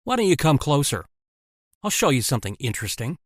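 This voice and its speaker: A man's voice: a little high, sing-song, fairly quick, no echo, studio quality. A man voicing a defiant young spy wife. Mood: urgent. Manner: pleading then defiant. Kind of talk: animated story voice-over.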